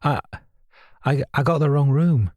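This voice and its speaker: A male narrator puts on a young woman on the edge of tears, her voice lifted and breathy with a husky grain. She pleads and apologises in a dry, close-up audiobook read, sounding fragile and desperate. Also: a little high, a little slow, a little mellow, no room sound, voice pushed up. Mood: tearful pleading. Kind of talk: audiobook reading.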